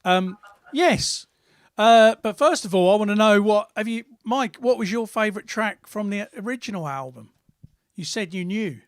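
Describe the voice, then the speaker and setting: Man, podcast host, rambling casual chat, slightly high voice, home studio. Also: expressive, normal speed, no room sound. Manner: chatty, rambling, with friendly teasing. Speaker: podcast host and record label producer. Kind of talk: casual live-stream chat. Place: his home studio room.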